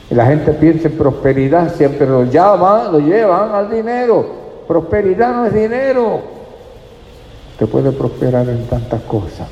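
Gravelly-voiced preacher in an echoey hall. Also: male voice, mid-range voice, mellow, highs cut off. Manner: earnest, addresses listeners as brother. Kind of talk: sermon. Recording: echoey hall with faint ambience.

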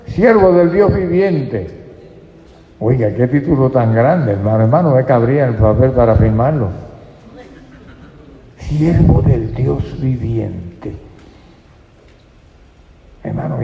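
A male pastor preaches slowly and emphatically, often calling his listeners brother. His voice is gravelly and rings through a reverberant hall. The recording sounds dull and lo-fi. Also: mid-range voice, mellow. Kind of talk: sermon. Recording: dull, echoey church hall.

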